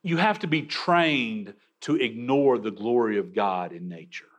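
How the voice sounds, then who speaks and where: A man's voice: medium pitch, animated, a little slow. A man preaching a sermon, emphatic, with frequent restarts. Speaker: pastor.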